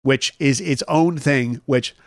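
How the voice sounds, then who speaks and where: A man's voice: medium pitch, takes it slowly, no echo, clean studio sound. A man hosting a casual morning chat stream, rambling through stories and joking with viewers as he reads their comments. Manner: rambling, chatty, jokey asides to viewers. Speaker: host.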